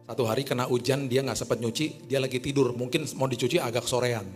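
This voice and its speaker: Animated storytelling preacher, slang. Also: male voice, medium pitch, fast talker, faint music behind. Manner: storytelling preacher, swings from hushed to loud excited peaks; casual Jakarta slang mixed into preaching. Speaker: pastor. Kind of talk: sermon.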